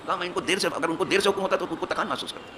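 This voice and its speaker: Forceful imam preaching. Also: male voice, high voice, slight background noise. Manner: emphatic, rhetorical questions, rising to forceful peaks. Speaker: mosque imam giving hadith lesson. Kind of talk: Urdu hadith sermon. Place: mosque, seated at the pulpit.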